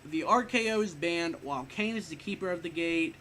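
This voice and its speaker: A man's voice: on the high side, brisk, fairly bright tone, slight background noise. Rambling young man reviewing wrestling. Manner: rambling, self-correcting, swears casually. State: slightly sick, short of breath. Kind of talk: casual spoken review.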